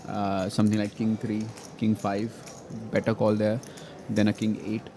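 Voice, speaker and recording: A man's voice: on the low side, completely flat delivery, moderate pace, noisy background. A man giving casual poker analysis in a hesitant, conversational way as a co-commentator.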